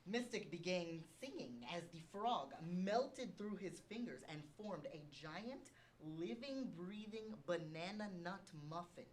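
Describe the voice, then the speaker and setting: A young woman co-hosting a campus show, reading a silly scripted story in a slow, deadpan way. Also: fairly low pitch, slight background noise, poor audio. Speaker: co-host. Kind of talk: reading a scripted comic tale.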